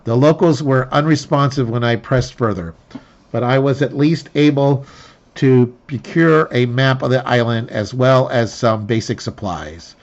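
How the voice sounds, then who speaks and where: A man's voice: mid-range voice, measured pace. A man reading a tabletop game's story text aloud, often stumbling and correcting himself. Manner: stumbling restarts and self-corrections while reading. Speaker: player reading the scenario aloud. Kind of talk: reading game narration aloud, with slips. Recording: dull lo-fi sound.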